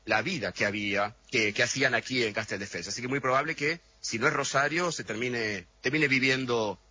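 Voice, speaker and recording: A middle-aged man answering interview questions over a remote radio line, thoughtful and explanatory, often pausing to find his words. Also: mid-range voice, bright, forceful tone, husky, highs cut off. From Argentina. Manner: thoughtful, explanatory, frequent hesitations. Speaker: interview guest.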